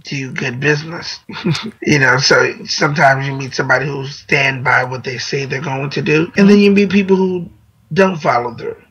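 A man with a bright, slightly husky voice tells stories on a podcast. He talks casually and animatedly, slipping into the voices of the people he describes. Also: mid-range voice, normal speed, poor audio. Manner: animated, laughs often, acts out voices in his stories. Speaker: singer, producer and vocal coach as podcast guest. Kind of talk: casual storytelling chat.

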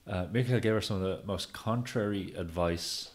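Deep-voiced male coach telling stories. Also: moderate pace. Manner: lively storyteller, acts out quotes. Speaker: handstand coach, podcast co-host. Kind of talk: casual podcast conversation.

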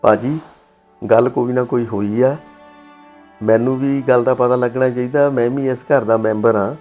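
A man's voice: medium pitch, steady tone, moderate pace, darkish tone, highs cut off, soft background music, close to an everyday voice. An actor playing a retired army man visiting his in-laws, polite at first and then insistent on getting answers. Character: retired army man, son-in-law, firm and probing. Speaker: actor in a family drama. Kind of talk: village family drama acting.

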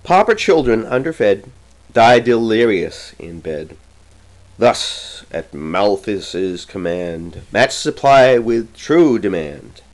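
A man reciting a comic verse poem with a slow, theatrical, rhythmic delivery. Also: on the low side, very animated, poor audio. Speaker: poetry reader. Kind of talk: dramatic poetry recitation.

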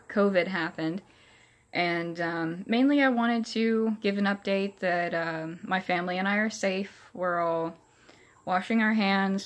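A young adult woman giving a casual personal update to camera in a halting, hesitant way, with soft toothless articulation from having no upper dentures in. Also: on the low side. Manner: hesitant, halting delivery with many pauses. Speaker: vlogger. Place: small furnished room indoors. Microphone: phone or camera at arm's length.

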